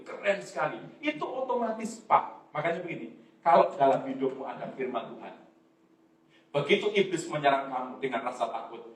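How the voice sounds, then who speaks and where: High-voiced preacher in an echoey hall. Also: male voice. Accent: Indonesian. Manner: lively preaching, coaxing the congregation to read aloud. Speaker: pastor. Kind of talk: sermon. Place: church hall. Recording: echoey church hall, mic at a distance.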